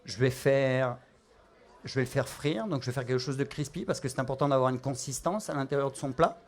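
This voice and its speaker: In a mid-range voice and at a fairly quick clip, a middle-aged chef from France talks through a cooking demo with a Parisian accent. Fillers and restarts come up often.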